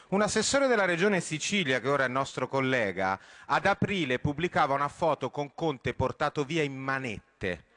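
A man's voice: fairly high pitch, fairly bright tone. A man who is a member of parliament, giving a combative, challenging speech.

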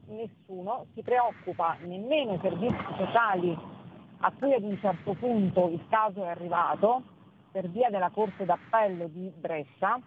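A woman lawyer calling in while traveling, explaining a case in a measured, hesitant way, over a low-quality phone stream. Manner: measured, hesitant with frequent fillers. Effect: low-quality phone stream from a traveling caller. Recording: tinny phone line with faint noise.

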